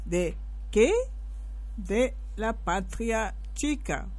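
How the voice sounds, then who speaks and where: A radio host with a German accent, from northern Germany, introducing the show slowly and answering her own questions. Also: medium pitch, lively intonation, a little mellow. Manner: slow, explanatory, asks and answers own questions.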